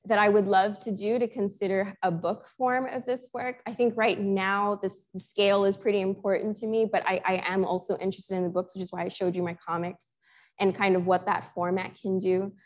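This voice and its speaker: A young woman from Sri Lanka talks through her art slowly and thoughtfully, pausing and restarting her sentences. Her voice sits at a middle pitch, relaxed and conversational. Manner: reflective, thoughtful, many restarts and fillers. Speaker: guest artist. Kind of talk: conversational Q&A talk.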